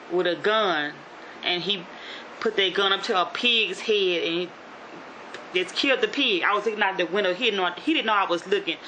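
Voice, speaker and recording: A YouTube vlogger from Shreveport, North Louisiana, with a Southern Louisiana accent, chats to her viewers in a casual motivational vlog, rambling with lots of fillers and restarts. Her mid-range voice sounds bright and forward, while the audio is poor, with a faint hiss underneath.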